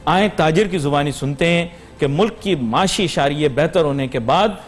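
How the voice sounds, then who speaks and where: A man's voice: a little high, normal speed. A man from Pakistan hosting a TV business talk show, who needles his guest with sarcastic, provocative challenges.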